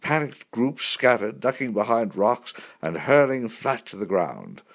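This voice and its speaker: A man reads his memoir aloud in an expressive, storytelling manner. His voice sits at a middle pitch and rises and falls a great deal. The delivery is vivid and scripted. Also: a little slow. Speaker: narrator. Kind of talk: first-person memoir reading.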